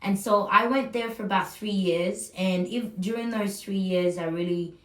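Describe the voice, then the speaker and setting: Reflective young woman in a roomy space. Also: medium pitch. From Burundi. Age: 20s. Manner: reflective, halting, many fillers and restarts. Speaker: speaker sharing her life story. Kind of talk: personal testimonial talk. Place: room where she records her video. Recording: roomy, slightly distant mic.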